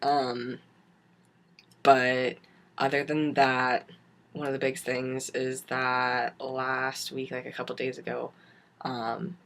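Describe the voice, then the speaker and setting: Young man with a gravelly smoker's rasp. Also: mid-range voice, completely flat delivery, slow pace, long pauses, a bit bright. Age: young adult. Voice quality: raspy, like a smoker's cough. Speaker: vlogger giving a transition update. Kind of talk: casual video diary chat.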